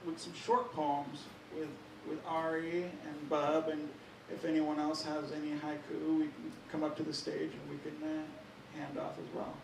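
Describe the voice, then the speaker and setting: Gravelly guy hosting poetry open mic, echoey room, noisy, mic far away. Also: fairly high pitch, measured pace. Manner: relaxed, introduces readers and reads a haiku. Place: small studio performance space.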